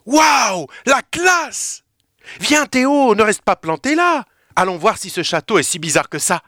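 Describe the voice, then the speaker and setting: A man's voice: mid-range voice, unhurried, bright, forceful tone, clean tone, no room sound, clean studio sound. A man voicing a bold, curious little girl who exclaims eagerly in a children's story reading. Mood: excited.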